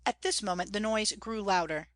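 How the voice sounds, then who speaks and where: A woman reads a classic novel aloud at an even pitch, measured and expressive. Her voice sounds close and dry, with no room around it. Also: no echo. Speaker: audiobook reader.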